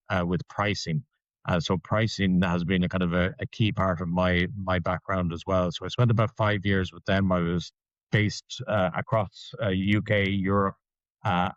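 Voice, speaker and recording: An older man with an Irish accent and a very low voice, speaking with lots of energy and frequent "um"s as a guest on a podcast. The sound is dry and a bit dull, like a modest mic on a video call. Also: dry recording. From Ireland. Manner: energetic, many "um"s and restarts. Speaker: guest, company founder. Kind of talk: podcast interview.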